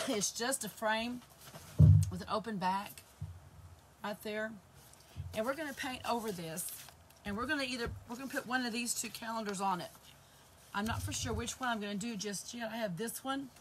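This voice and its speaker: On a live crafting stream, a craft channel host in her fifties chats with viewers in a hoarse voice, greeting them as she works with her hands. She speaks slightly high at a normal speed, with long pauses. The recording is very noisy, captured by a camera facing her across the table in her shelved indoor craft room.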